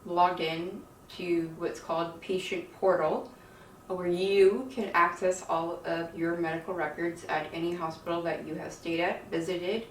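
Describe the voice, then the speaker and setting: Tired chatty lady vlogging slowly, talks like she's got no teeth in, bit far from the mic. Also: fairly low pitch, little pitch movement. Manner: chatty, weary, folksy slang, frequent laughs. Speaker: video creator with own channel. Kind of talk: casual rambling vlog chat to viewers. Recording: roomy, distant mic, faint noise.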